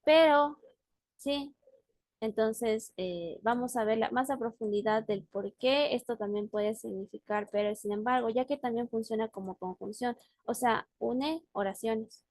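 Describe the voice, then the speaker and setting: A woman's voice: a little high, a little slow, darkish tone, no room sound. A woman teaching a language class on a video call, explaining words patiently and often checking in with her student. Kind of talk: online class.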